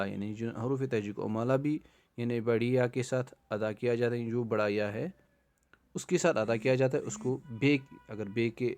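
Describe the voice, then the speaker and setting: A man teaching a recorded lesson on the alphabet and its sounds, explaining each point twice and sounding letters out slowly. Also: mid-range voice, darkish tone. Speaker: Quran teacher.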